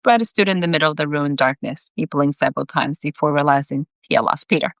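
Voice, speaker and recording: A woman's voice: low voice, quick pace, dry recording. A woman author reading her story aloud on a live video, breaking off for chatty, candid asides.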